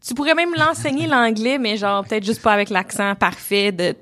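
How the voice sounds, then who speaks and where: A woman's voice: a little high, normal speed, a bit bright. A woman with a Québécois accent hosting a casual conversation, thoughtful and encouraging. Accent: Québécois French.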